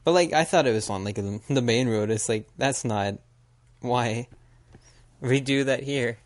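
A man's voice: mid-range voice, unhurried, dry recording. An American man co-hosting a podcast, talking casually and rambling with lots of "like" fillers. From United States. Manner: rambling, filler-heavy, frequent "like". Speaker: podcast co-host. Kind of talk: casual chat.

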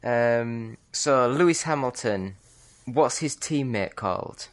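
A British man co-hosting a podcast, chatting in a relaxed way and often hedging what he says. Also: medium pitch, slow. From Britain. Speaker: podcast co-host. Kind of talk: casual chat.

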